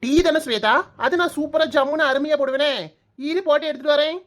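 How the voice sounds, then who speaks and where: Woman voicing a high, taunting cartoon daughter-in-law with a Kanyakumari Tamil accent, quick with insults. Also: fairly even intonation, lightly acted. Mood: boastful. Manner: cheeky, taunting. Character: sharp-tongued young daughter-in-law. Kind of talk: cartoon comedy dialogue.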